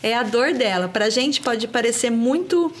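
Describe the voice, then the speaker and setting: A woman, telling a story about parenting in a lively, expressive, casual way. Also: a little high, unhurried. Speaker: mother sharing parenting story. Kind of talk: casual conversation.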